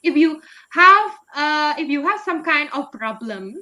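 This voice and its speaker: The English teacher, a young Indonesian-accented woman speaking as a webinar guest, keeps her answers chatty, punctuated by laughter, fillers and false starts. Her voice is high-pitched, animated, pushed and bright, delivered at a measured pace.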